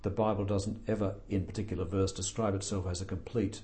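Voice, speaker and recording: A man's voice: low voice, flat delivery, a little fast, mellow. An older man and author being interviewed, talking thoughtfully with dry humor and plenty of hesitations. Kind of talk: reflective interview talk.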